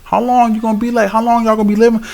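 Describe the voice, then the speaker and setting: A man teaching the Bible, reading scripture slowly and then breaking into blunt, scolding, slangy exhortation. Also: high-pitched, flat delivery, gravelly, darkish tone. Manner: slow measured reading, then fired-up exhortation. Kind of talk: scripture reading with preaching commentary.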